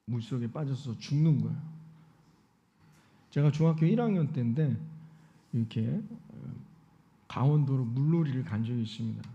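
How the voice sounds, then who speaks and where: A man's voice: medium pitch, moderate pace, pauses often. A male pastor preaching a Sunday sermon in a church, often putting rhetorical questions to the congregation. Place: church sanctuary. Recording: dull lo-fi sound.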